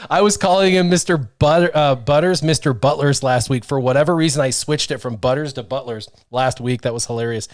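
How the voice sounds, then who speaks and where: A man's voice: mid-range voice, fairly quick, hardly any pauses. Man in his thirties, livestream host, reads chat comments aloud, self-deprecating jokes, casual banter, mid-range voice, close studio mic, dry room with no echo. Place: small home studio room. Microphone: studio mic with headphones.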